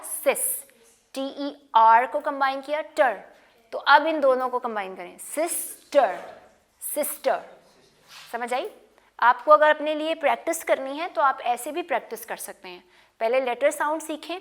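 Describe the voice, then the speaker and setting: Blending English words into her Hindi, a woman runs a slow phonics class, saying every sound over and over as a drill. She speaks at a moderate pace in a high, slightly bright voice.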